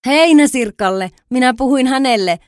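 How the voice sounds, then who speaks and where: A woman's voice: high-pitched, expressive, clean tone, no echo, studio quality, voice pushed up. Woman doing an eager, wondering little fawn. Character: small curious wide-eyed male fawn.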